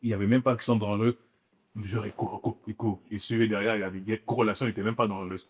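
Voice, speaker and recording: Low voiced guy talking football fast with his mates, gets animated. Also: slightly rough. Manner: animated, talks over others. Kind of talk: casual football chat.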